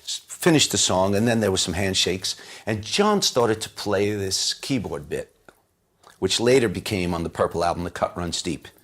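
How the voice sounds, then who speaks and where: A man recounting his audition in an interview, brisk and punchy. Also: deep voice, lively intonation, a bit bright. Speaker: singer interviewee. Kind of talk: interview recollection.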